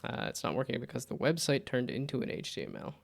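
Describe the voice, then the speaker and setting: A man's voice: medium pitch, very animated, quick pace, gravelly. A man chatting casually as he hosts a game livestream, rambling and often trailing off mid-thought. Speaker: livestreamer host. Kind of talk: casual livestream chat while playing games.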